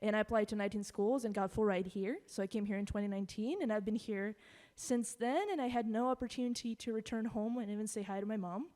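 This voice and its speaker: A young woman from Russia, talking on stage between songs in a halting way full of fillers, recorded in a hall. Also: mid-range voice, warm tone. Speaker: singer-songwriter performing. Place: live event in a hall. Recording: long hall reverb with guitar behind.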